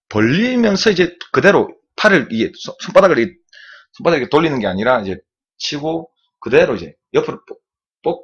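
A man's voice: medium pitch, slightly rough, lo-fi sound. A man, sweating after a swim, teaches arm strokes on a live stream and keeps repeating "like this" as he demonstrates. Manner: repetitive, demonstrative, keeps saying "like this". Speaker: swimming instructor streamer. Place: indoor room, live stream.

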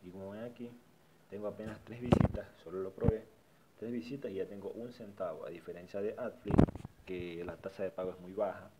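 Narrating a screen-recorded website tour, a tutorial vlogger speaks a little fast in a low voice with fairly even intonation. His casual delivery is repetitive, restarting phrases as he points things out, and heavy background noise runs underneath.

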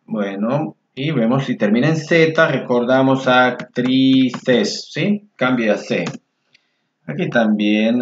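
A man teaching a friendly Spanish grammar lesson, his voice sitting at an ordinary middle pitch. He says the example words slowly and mutters quietly to himself while he fixes the screen. The recording is roomy and a little dull and lo-fi. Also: a little hiss or hum. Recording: echoey room, dull lo-fi sound.

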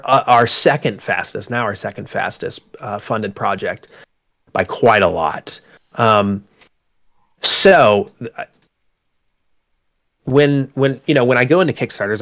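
Congested from a cold, a man talks casually as an interview guest about running his tabletop game company, full of fillers and restarts. His voice is on the low side and a bit bright, captured on a home microphone over a call.

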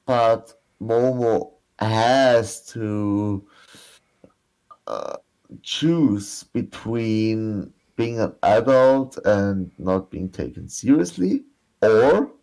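A man in his thirties chatting casually about comics as a co-host, hesitant and halting, often repeating himself. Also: fairly low pitch, animated, vocal fry, darkish tone, low-quality recording. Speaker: co-host of a manga reaction show. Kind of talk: casual chat reviewing a manga chapter. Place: small room at home, indoors.

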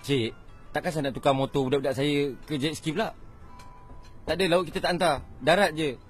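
A man's voice: on the high side, fairly even intonation, fairly quick, faint music behind. A man playing a scolding, boastful shop boss in a comedy sketch.

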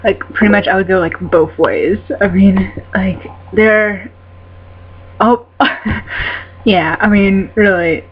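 An excitable woman gushes through a casual fan Q&A, giggling and rambling from one half-finished thought to the next. Her voice sits at an ordinary middle pitch. The recording sounds dull and lo-fi, with a faint hum underneath. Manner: swears casually. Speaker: vlogger answering fan questions.

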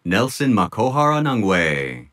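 A man announcing graduates' names at an outdoor commencement ceremony, in a measured, deliberate manner. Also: fairly low pitch, big pitch swings, fairly bright tone. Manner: measured, deliberate name-reading. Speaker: commencement name reader. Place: outdoor tent stage at a graduation.

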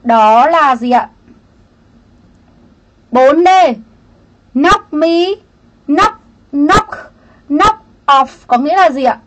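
A woman's voice: high voice, animated, extremely slow, long pauses, fairly bright tone, a little hiss or hum. A woman teaching an English grammar lesson on a livestream, chatty, greeting viewers by name and explaining each answer option.

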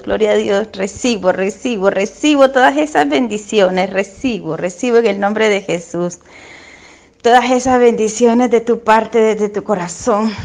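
A woman's voice: medium pitch, a little mellow. A woman from Nicaragua, speaking in a fervent, prayerful and repetitive way as a religious dream interpreter. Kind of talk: religious testimony.

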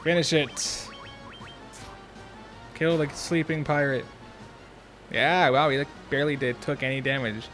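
A man's voice: medium pitch, moderate pace, fairly bright tone, soft background music. A young man hosting a let's play, thinking aloud in casual, chatty commentary.

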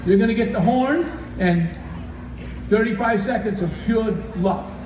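A middle-aged man pitches his voice very high as he works up a crowd outdoors. He is folksy and rambling, full of jokes and countdowns. His voice comes echoing from a distance over the noise of the grandstand. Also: measured pace. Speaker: moose-call leader at a festival. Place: open-air fairground by a packed grandstand. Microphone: stand mic over PA, picked up by distant camera.

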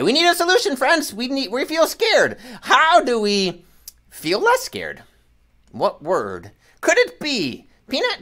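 A woman hosting a playful, interactive children's show, talking in an animated, giggly, sing-song way. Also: mid-range voice.

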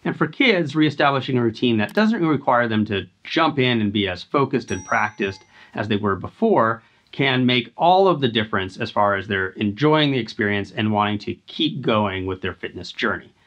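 A man's voice: mid-range voice, moderate pace, few pauses, lo-fi sound. Earnest man explaining fitness to camera. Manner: earnest, steady and instructive. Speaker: host. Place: indoor home climbing wall.

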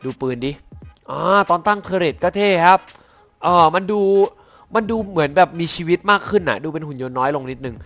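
A young man giving casual commentary on game skins, excitable, swearing now and then, stumbling a little when reading lore. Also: fairly high pitch, brisk, faint music behind. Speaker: gaming YouTuber reviewing skins.

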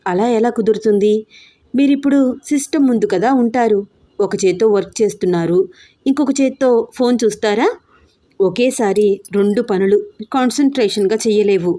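A woman's voice: medium pitch, normal speed, warm tone, natural voice. A woman voicing a shy, playful young bride in an audio story, coy and mock-scolding.

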